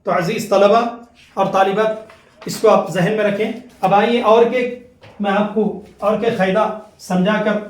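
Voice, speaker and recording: In a very echoey room, a man with a high voice gives a Quran recitation lesson and repeats each rule more than once. He draws out the example syllables, chanting them slowly.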